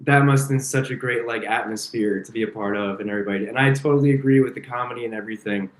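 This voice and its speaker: Male interviewer, mid-pitched, friendly prompting questions, echoey room sound. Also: quick pace. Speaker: festival interviewer. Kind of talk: casual interview.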